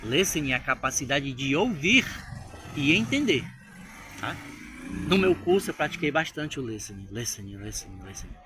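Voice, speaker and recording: A Brazilian man telling a story to his viewers in a casual vlog, animated and chatty, often checking in with them. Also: a little high, normal speed, long pauses. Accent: Brazilian Portuguese. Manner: animated, addresses viewers directly with frequent tag questions. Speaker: English-learning vlogger.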